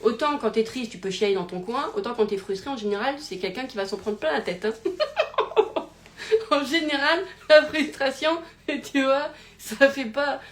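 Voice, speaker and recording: A woman hosting a live talk, theatrical and animated, swinging from loud exclamations to low mutters, laughing often and interrupting herself. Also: normal speed. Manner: laughs often, many fillers and self-interruptions. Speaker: host of a live self-help talk. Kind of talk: casual live-stream monologue.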